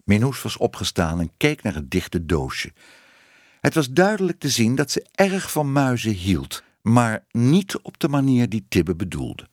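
A man reading a children's storybook aloud in an expressive, animated way. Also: mid-range voice, measured pace, no room sound, studio quality. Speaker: narrator.

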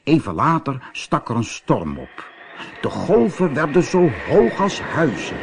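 A man reading a children's story aloud as narrator, slow and expressive. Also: on the high side, background noise.

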